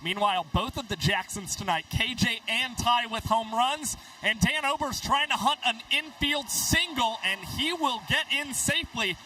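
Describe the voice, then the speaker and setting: A man's voice: very high voice, normal speed, sharp tone, distant mic, low-quality recording. A man giving analytical baseball commentary in full, flowing sentences on a broadcast.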